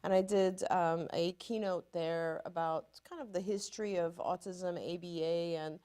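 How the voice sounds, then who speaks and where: Chatty middle-aged woman, lowish voice. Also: steady tone, dark tone. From Iran. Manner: rambling, upbeat, with quick restarts and laughs. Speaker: psychologist and show host. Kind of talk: casual live-stream chat.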